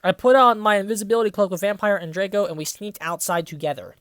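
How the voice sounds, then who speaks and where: Reading fan fiction dramatically at a quick pace, a twenty-something reviewer with a medium-pitched, slightly bright voice interjects casual, profane sarcasm. The recording is dry and of studio quality.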